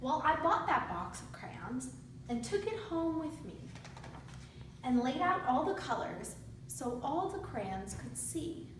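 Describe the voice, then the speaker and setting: Reading a book to young kids as a student teacher, this woman gives simple instructions and asks them questions. She is high-pitched, with big pitch swings, and takes it slowly. A distant microphone picks her up in a very echoey room with faint noise.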